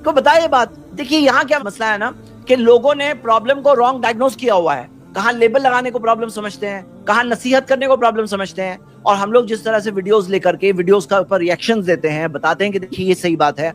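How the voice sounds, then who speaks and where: Man, Islamic preacher, high voice, earnest explanatory talk, faint music behind. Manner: earnest, asks rhetorical questions, quotes Arabic then translates.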